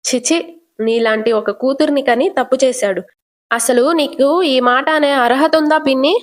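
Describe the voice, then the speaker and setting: A woman's voice: high voice, measured pace. Woman voicing a scornful older aunt. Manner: taunting, accusing, scornful. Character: sharp-tongued scolding older aunt, woman.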